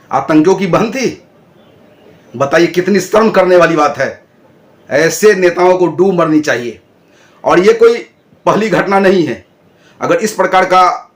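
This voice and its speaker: A man's voice: high voice, fairly bright tone. A man hosting his own channel, giving indignant political commentary and lecturing viewers with rhetorical questions. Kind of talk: talking to camera, political commentary.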